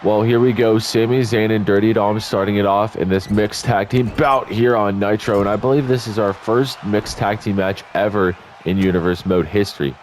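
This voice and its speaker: A YouTube gaming commentator gives casual, rambling play-by-play over a wrestling video game, sounding congested and tired as if he just woke up. His fairly low voice is fairly even in intonation, at a moderate pace with few pauses, full of chatty asides and self-corrections. Faint game music and slight background noise sit behind him.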